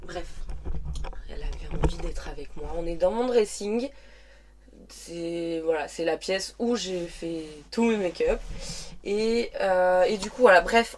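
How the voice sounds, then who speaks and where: A woman in her early thirties talks through her makeup routine in a loose, rambling way, with frequent sighs and restarts. Her voice has a slight croak left over from a recent illness. She is recording at home in a small dressing room, speaking straight to a camera in front of her. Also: mid-range voice, a little hiss or hum. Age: 30s. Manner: rambling, chatty, with sighs and self-corrections. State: recovering from covid, slightly croaky. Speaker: beauty vlogger. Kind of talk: casual makeup tutorial chat.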